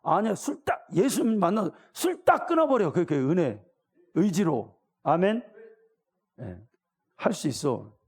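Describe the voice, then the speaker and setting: A man's voice: sits high, big pitch swings, a little slow, vocal fry, husky. A middle-aged man preaching a sermon as pastor, talking colloquially and questioning his congregation. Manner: acts out voices of the people in the story.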